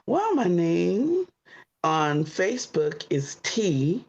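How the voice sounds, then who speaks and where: A woman in her fifties from Florida introducing herself on a dating show, chatty, pausing often on "um" and quick to laugh. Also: lowish voice, very animated, darkish tone, breathy edge, muffled recording. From Florida, USA. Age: 50s. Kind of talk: casual self-introduction. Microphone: computer on a video call.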